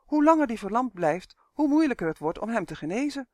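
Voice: mid-range voice, big pitch swings, fairly quick, a little mellow, dry recording, pitched above the performer's own voice, lightly acted. A storyteller voicing an eager, grumbling male elf in a children's audiobook. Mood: anxious. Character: cheeky excitable male elf.

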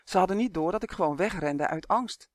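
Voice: medium pitch, brisk, no room sound, clean studio sound, close to an everyday voice. A storyteller voicing a tired young boy who teases his friend in a children's audiobook. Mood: wry. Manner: teasing.

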